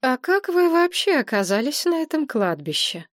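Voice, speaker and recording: A woman voicing a practical, sharp-tongued woman who speaks curtly and commandingly. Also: high voice, big pitch swings, dry recording, studio quality, pitched above the performer's own voice. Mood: stern. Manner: curt, brisk, commanding.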